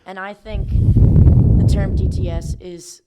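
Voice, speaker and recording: A young woman from Georgia co-hosting a podcast in casual chat, relaxed and hedging, full of "like". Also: mid-range voice, slow pace, very noisy. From Georgia, United States. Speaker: podcast co-host.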